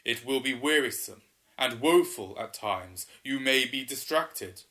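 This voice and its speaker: Storybook water spirit, old, male, booming and stately, put on by a male reader, slow delivery. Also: expressive. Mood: solemn. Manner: loud, slow, stately pronouncements.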